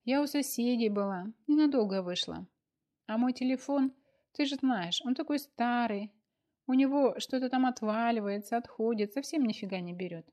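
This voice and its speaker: A woman's voice: a little high, normal speed, warm tone, pitched above the performer's own voice, natural voice. Woman doing an eager girlish heroine of a storybook, whiny and sweet. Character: young woman in love, pleading, girlish.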